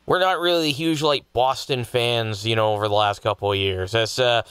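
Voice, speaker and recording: A man from British Columbia hosting a casual radio interview, chatty and quick to laugh. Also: mid-range voice, fairly even intonation, fairly bright tone, smooth, dry recording. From British Columbia, Canada. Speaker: radio host.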